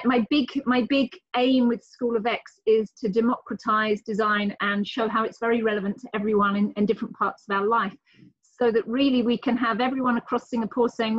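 A middle-aged British woman from the UK joins a live video call as a guest, speaking articulately and enthusiastically in a fairly high voice. The call audio is dry, dull, and lo-fi.

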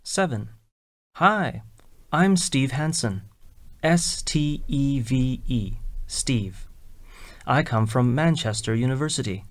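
Slow, careful male exam reader. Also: medium pitch, lively intonation, no echo. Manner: slow, carefully enunciated, spells out names. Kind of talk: scripted listening exercise.

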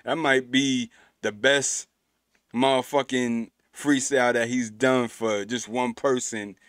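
A man's voice: mid-range voice, fairly even intonation, takes it slowly, fairly bright tone, no room sound, studio quality. A man hosting a reaction video, talking in casual slang with hyped, emphatic praise and stammering restarts.

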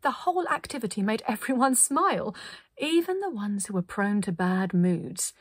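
A woman reading a children's story aloud in a gentle, playful way. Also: mid-range voice, big pitch swings, normal speed, breathy edge, no echo, studio quality.

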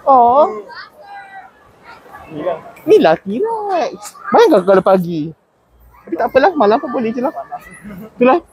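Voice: mid-range voice, sing-song, a little fast, long pauses, darkish tone, husky, no room sound. A vlogger chatting casually and joking while walking through a mall, laughing often and dropping in English phrases. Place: large indoor shopping mall at night. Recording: noisy walk-around recording.

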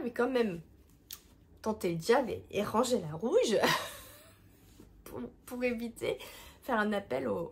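A woman's voice: mid-range voice, gravelly, a little mellow, breathy edge. A woman chatting casually about knitting and books in a rambling way, full of hesitations. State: hoarse from a head cold. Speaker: craft vlogger. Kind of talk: casual chat. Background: washing machine running.

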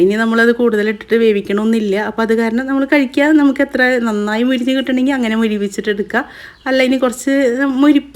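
Woman with a Kerala accent, quick and chatty home-cooking voice-over host. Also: a little high. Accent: Kerala Malayalam. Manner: chatty, adds tag words after each step. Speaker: cooking vlogger. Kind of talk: casual voice-over narration of a recipe.

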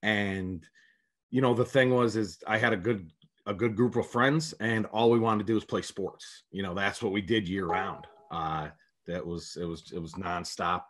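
A man with a fairly low voice answers questions as a guest on a remote call. He tells his story in a relaxed, rambling way, often starting sentences over as he goes. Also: moderate pace. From upstate New York. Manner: rambling, storytelling, many restarts. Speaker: head prep basketball coach, guest. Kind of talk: casual interview answers.

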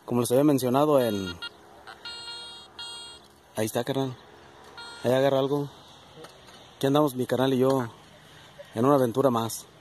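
Un hombre con acento mexicano que narra con tono de charla su búsqueda con detector de metales en un campo, hablándole a sus seguidores como amigos. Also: male voice, medium pitch, steady tone, normal speed, long pauses, darkish tone, slight background noise. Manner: chatty, addresses viewers as friends. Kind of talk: casual outdoor vlog narration. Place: outdoors in a plowed field.

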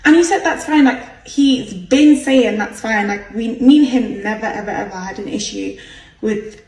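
A young woman in her twenties telling her side of a story to her phone camera in a bright room, talking casually and in exasperation with lots of fillers. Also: a little high, moderate pace. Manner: chatty, exasperated, many "like" fillers. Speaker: vlogger. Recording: echoey room, slightly distant, faint hiss.

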